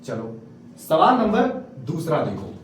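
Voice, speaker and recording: A male maths teacher with a high, lively voice, coaxing his students along as he works through problems. He is recorded from a distance in a very echoey classroom, with faint noise behind him. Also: takes it slowly. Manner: coaxing, repeatedly prompts students to read aloud.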